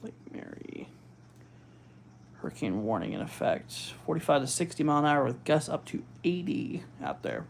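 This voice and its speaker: A man hosting a live weather stream, giving casual, halting commentary as he thinks aloud and reads out figures. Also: fairly high pitch, very animated, vocal fry, a little hiss or hum. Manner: informal, halting, thinking aloud while looking things up. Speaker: weather livestream host.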